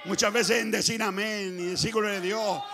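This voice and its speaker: Chilean male pastor, fervent shouting preacher, gravelly, high and bright. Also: fairly even intonation, normal speed. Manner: fervent, often shouting, swings between loud and soft. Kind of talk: Pentecostal sermon. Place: church.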